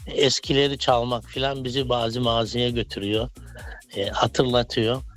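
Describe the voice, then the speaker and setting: Middle-aged male caller heard over a landline phone, average pitch, friendly gushing phone-in chat. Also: level tone, moderate pace, a bit bright, soft background music. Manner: effusive, chummy praise. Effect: heard over a landline phone line. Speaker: radio show caller.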